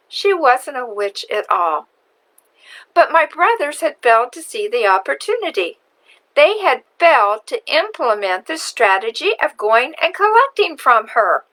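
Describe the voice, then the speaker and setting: A woman with a high, bright voice telling a childhood story in an online video. She takes her time and lingers over each phrase. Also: rough recording. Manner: slow, deliberate storyteller. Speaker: marketing video host. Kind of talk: storytelling vlog.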